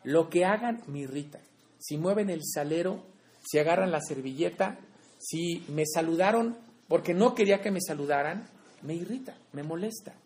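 Brief: middle-aged Mexican preacher, slightly high voice, chatty, keeps checking in with listeners. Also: male voice, expressive, moderate pace, a little mellow. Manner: casual, keeps asking "¿no?". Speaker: preacher to men. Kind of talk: conversational devotional talk.

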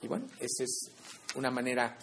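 A man's voice: medium pitch, expressive, fairly quick, gravelly, slight background noise. A middle-aged Mexican man giving a conversational devotional talk to men, loosely tagging his sentences with questions. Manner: casual, keeps asking "¿no?". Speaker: preacher to men.

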